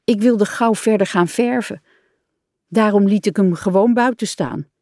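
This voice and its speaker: A woman's voice: mid-range voice, a little slow, darkish tone, no echo, studio quality, lightly acted. A woman reading aloud and voicing a chirpy, eager female duck in a storybook.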